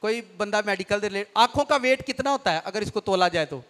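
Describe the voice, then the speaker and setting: A pastor with a Punjabi accent preaching a lively sermon, dropping into folksy Punjabi asides. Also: male voice, high-pitched, fairly quick. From Pakistan.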